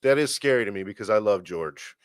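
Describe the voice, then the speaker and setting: A man's voice: lowish voice, expressive, fairly quick, clean tone, no room sound. Chatty, eager co-host, a man with a mid-range voice on a dry recording. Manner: enthusiastic, chatty, searches for words. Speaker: podcast co-host. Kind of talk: casual sports chat.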